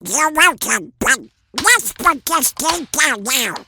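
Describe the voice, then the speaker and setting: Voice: sits high, animated, takes it slowly, vocal fry, background noise, exaggerated voice. A performer voicing an earnest, put-upon, easily flustered male duck superhero in a cartoon comic dub. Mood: calming. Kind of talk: acted comic dub dialogue. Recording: music behind the voice.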